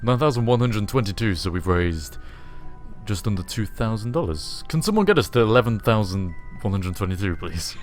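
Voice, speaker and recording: A man with a low, resonant, magnetic voice hosts a casual gaming livestream. His deep register sits over faint music as he chats along. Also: animated, normal speed. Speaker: live stream host. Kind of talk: casual live gaming stream chat. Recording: music behind the voice.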